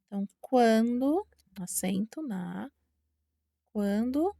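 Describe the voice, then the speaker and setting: Brazilian woman, teacher, slow patient delivery, slightly high, gravelly, dry close sound. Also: expressive, mellow, no echo. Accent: Brazilian Portuguese. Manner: patient, repeats words slowly, checks with "tá?". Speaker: Spanish teacher. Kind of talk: online language lesson.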